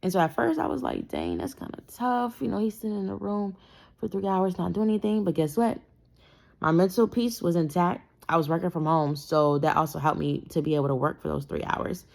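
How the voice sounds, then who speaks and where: A young woman talks through a parenting story in a loose, rambling way, full of "you know" and "like." Her voice sits a little low and carries a lot of vocal fry. She sounds like she is just chatting to her audience. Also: steady tone, a little fast, a little mellow. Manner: rambling, conversational, frequent fillers. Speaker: parenting vlogger. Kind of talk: casual storytime monologue.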